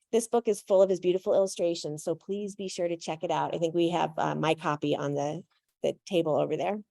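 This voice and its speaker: A woman's voice: lowish voice, warm tone, dry recording. A woman hosting a live event, introducing a speaker in a projected, coach-like voice without a microphone. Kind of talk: spoken introduction to a live audience. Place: room with a live audience.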